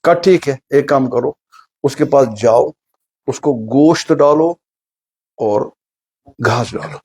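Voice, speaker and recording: With a medium, somewhat dark and husky voice, an Islamic preacher delivers a sermon featuring a funny story. He plays the story's characters and asks the audience questions along the way.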